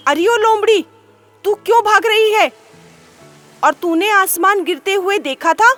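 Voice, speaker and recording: A commanding lion king from a children's storybook, played by a woman. He booms out his questions in a raised, stern voice and expects answers. Faint music plays behind him. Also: big pitch swings, a little slow, fairly bright tone, heavily acted. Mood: startled. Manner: booming, demanding questions.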